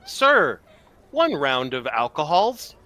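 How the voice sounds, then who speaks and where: A man's voice: fairly high pitch, huge pitch swings, takes it slowly, pushed and bright, full character voice. A man doing a stiff formal porcelain automaton. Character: polite towering porcelain automaton, formal and calm.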